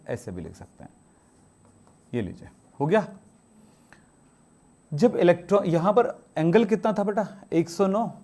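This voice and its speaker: A man's voice: fairly high pitch, warm tone. A man teaching a chemistry class, asking his students questions and answering them himself, strict about homework. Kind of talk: classroom lecture.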